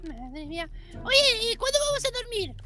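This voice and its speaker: A performer voicing a teasing, skeptical baby girl sidekick in a Minecraft game, with a squeaky high voice. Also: sing-song, normal speed, pushed and bright, heavily acted. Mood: bossy. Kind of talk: Minecraft let's play.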